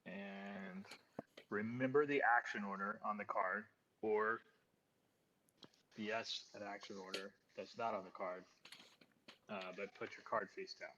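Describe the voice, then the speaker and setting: Slow, halting game master, lo-fi sound. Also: male voice, fairly low pitch, pushed and bright. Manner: hesitant, thinking aloud with many ums. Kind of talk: running a tabletop game session. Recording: dull lo-fi audio with faint noise.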